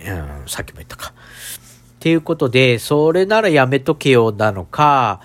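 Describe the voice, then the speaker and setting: A man's voice: mid-range voice, big pitch swings, normal speed, dry recording. A man hosting a casual solo podcast in a stuffed-up, nasal voice, talking in a hesitant, rambling, apologetic way. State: congested nose. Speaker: podcast host.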